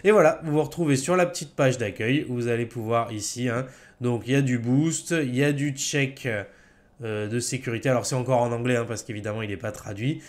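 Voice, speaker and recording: A man with a French accent narrates a screen-recorded software tutorial in an easygoing, chatty way. His voice sits at a middle pitch, and he fills pauses with fillers and corrects his own slips as he goes. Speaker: tech tutorial host.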